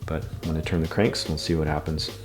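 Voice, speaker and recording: Man, deep steady monotone, patient step-by-step repair lesson, faint music behind. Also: fast. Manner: patient, methodical, repeats steps. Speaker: bike repair instructor.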